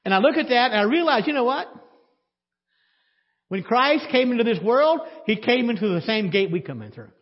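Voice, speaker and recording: With a very high voice and big pitch swings, a male pastor preaches at a moderate pace in a church sanctuary. He speaks conversationally, questioning the congregation with dry sarcasm, and the dull audio carries long church reverb.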